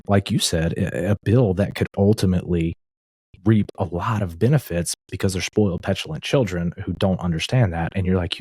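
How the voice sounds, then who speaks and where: A man hosting a podcast, chatting about politics in a quick, plain-spoken, agreeable way. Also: deep voice, darkish tone, slightly rough, no echo, studio quality. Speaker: podcast host. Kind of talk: casual political chat.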